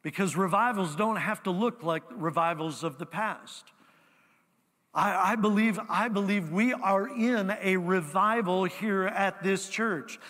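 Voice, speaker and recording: High, bright-voiced preaching man in a reverberant hall. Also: unhurried. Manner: emphatic, repetitive preaching with congregation call-and-response. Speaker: pastor. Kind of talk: sermon. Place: church sanctuary.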